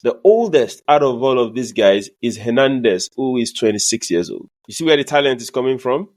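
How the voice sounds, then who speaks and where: A man co-hosting a podcast, chatting casually about sports in an emphatic, lively, opinionated way. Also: medium pitch, fairly quick. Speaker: podcast co-host.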